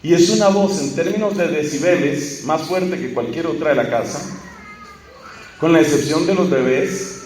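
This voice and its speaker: A man's voice: fairly high pitch, moderate pace, a little mellow. A man preaching a live sermon to a congregation, emphatic and repetitive, asking rhetorical questions. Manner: emphatic, repeats key phrases, asks rhetorical questions. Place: large hall or church with an audience. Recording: echoey hall, speaker far from mic, faint hum.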